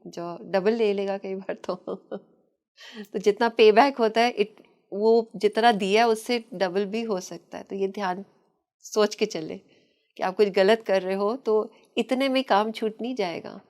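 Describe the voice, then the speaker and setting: A woman guest on a podcast interview, calmly explaining past-life ideas and mixing English phrases into her talk, with light laughter. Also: mid-range voice, unhurried.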